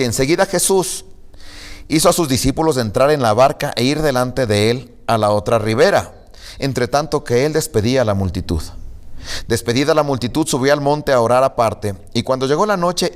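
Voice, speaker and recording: A male pastor giving a sermon, reading scripture and retelling it with jokes and chatty asides. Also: medium pitch. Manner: animated, jokey storytelling.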